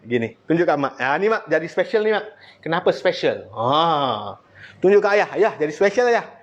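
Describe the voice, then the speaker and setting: Malaysian Malay man, kids' abacus teacher, playful, teasing, slightly high voice, swings from loud drill calls to low asides. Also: very animated, normal speed, highs cut off. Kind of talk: classroom lesson to children.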